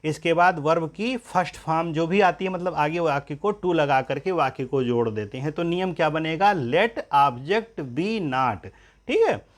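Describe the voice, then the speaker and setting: A man teaching English grammar, asking questions and answering them himself, and dictating example sentences slowly, word by word. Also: fairly high pitch. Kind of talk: grammar lesson.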